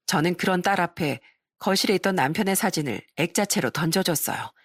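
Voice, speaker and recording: A woman's voice: lowish voice, expressive, fairly quick, dry recording, clean studio sound. A middle-aged woman giving an emotional, confessional first-person story narration.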